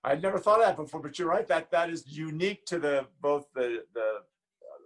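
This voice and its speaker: A man in a casual interview, telling a lively personal anecdote. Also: fairly high pitch, normal speed, low-quality recording. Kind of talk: casual chat.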